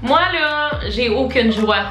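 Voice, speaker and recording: A woman's voice: a little high, slow. A young woman with a Québécois French accent chatting casually and expressively to viewers in a vlog, swearing freely. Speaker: YouTube vlogger. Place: home office room, indoors. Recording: roomy echo, distant mic, background music.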